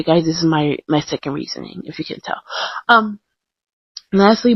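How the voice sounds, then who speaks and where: A young woman chats casually in a podcast style, self-deprecating and full of ums and restarts. Her voice is fairly low. It's a dry, dull lo-fi home recording made on a close mic, with a blank screen.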